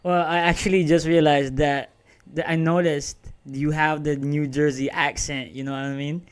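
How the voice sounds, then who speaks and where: A man's voice: on the high side, little pitch movement, moderate pace, clean tone. A male podcast host chatting casually, giving short replies and questions. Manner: brief backchannel replies. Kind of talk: casual conversation.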